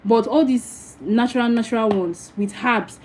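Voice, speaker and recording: A woman's voice: on the high side, moderate pace, darkish tone, slight background noise, rough recording. A Nigerian woman giving frank, preachy spiritual advice in a casual livestream, with many asides to her viewers. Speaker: spiritual teacher.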